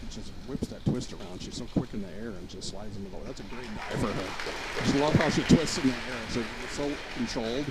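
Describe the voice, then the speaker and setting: A man's voice: medium pitch, fast talker. A man giving informal, conversational diving commentary, explaining technique as he goes. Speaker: diving commentator, former diver. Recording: very loud crowd noise at venue. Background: crowd noise.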